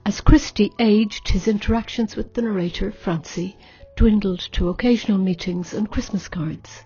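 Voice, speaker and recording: Woman, dark husky low-leaning voice, scripted narration, slightly dull recording. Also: moderate pace. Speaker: reader, writing group member. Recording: slightly dull sound, faint music.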